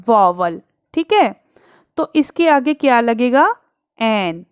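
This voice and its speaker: A woman's voice: high-pitched, dry recording. A woman teacher patiently explaining English grammar in Hindi, asking the class questions and answering them, drawing out letters and examples.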